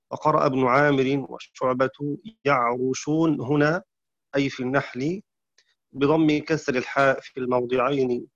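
A man teaching Quran recitation variants in a measured lecture, citing verses and clearing his throat now and then. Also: mid-range voice, fairly bright tone, no room sound, highs cut off. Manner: measured explanatory delivery with chanted verse quotes.

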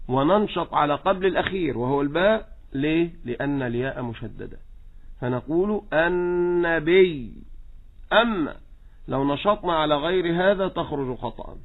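A man with an Egyptian accent teaching Quran recitation in a radio lesson, slowly demonstrating each example. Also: medium pitch. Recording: tinny phone-like radio line.

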